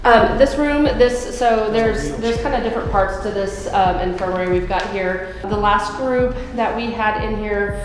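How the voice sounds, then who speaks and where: A woman's voice: mid-range voice, normal speed, few pauses, slight background noise. A woman working as a tour guide, telling casual anecdotes about her experiences. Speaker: tour guide at a haunted site. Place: dark indoor rooms of an old building. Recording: roomy echo, music behind.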